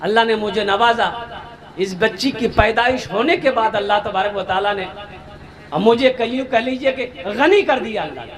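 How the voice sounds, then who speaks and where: A man from Bengal giving an animated sermon to a seated gathering, questioning his listeners and slowing down for emphasis. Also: high-pitched. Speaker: Islamic preacher. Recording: live gathering with crowd noise. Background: seated crowd of listeners.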